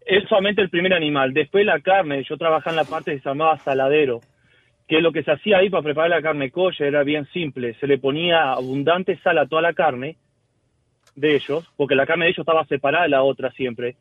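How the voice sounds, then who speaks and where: A man's voice: fairly high pitch, a little fast, no room sound. Man calling in on a phone line. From Uruguay. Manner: rambling, with frequent restarts. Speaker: caller. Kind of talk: casual call-in storytelling. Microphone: telephone.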